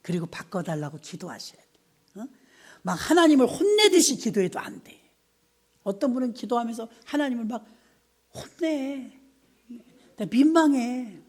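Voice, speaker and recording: A woman's voice: fairly high pitch, moderate pace, long pauses. A middle-aged woman pastor preaching a sermon, telling stories with laughter and acting out voices and sounds. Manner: animated, mimics voices and sounds with bursts of laughter. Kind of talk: sermon with storytelling.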